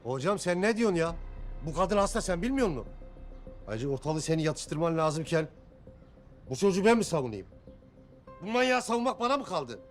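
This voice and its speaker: A man's voice: a little high, very animated, brisk, long pauses, faint music behind. An actor playing a blustering neighbourhood father who takes charge of a street quarrel, in a TV drama. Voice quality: blustering, commanding. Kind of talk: TV drama acting.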